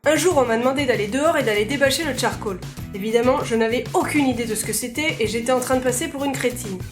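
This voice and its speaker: A woman's voice: on the high side, quick pace, music in the background. A woman vlogger explaining words in a casual, playful, self-mocking way.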